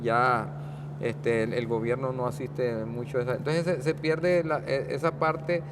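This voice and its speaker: A man in his sixties from Guanacaste with a Guanacaste Costa Rican accent, a guest talking in a casual interview, rambling and halting with many restarts. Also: mid-range voice, fairly even intonation, noisy background. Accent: Guanacaste Costa Rican Spanish. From Costa Rica, Guanacaste. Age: 60s.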